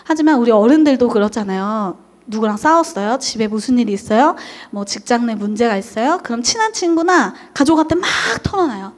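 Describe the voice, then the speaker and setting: A woman's voice: on the high side, expressive, brisk, few pauses. A young woman who teaches at a daycare, lecturing parents on how to talk with children and acting out quoted parent and child lines. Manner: frequent "어" fillers, talks straight to parents.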